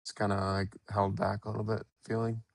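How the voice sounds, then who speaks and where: Laid-back low-voiced trader man. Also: little pitch movement, fairly quick, dry recording. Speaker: co-host trader. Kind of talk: casual market chat.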